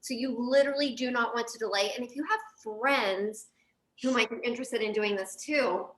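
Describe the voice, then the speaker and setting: Female co-host, fairly high voice, echoey, emphatic and enthusiastic casual promo. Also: normal speed, fairly bright tone. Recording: echoey room sound.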